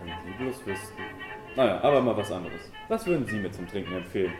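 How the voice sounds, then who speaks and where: A man's voice: lowish voice, lively intonation, fast talker, natural voice. A man playing a sly, probing bar patron. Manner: sly, insinuating. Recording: echoey room with clear music behind.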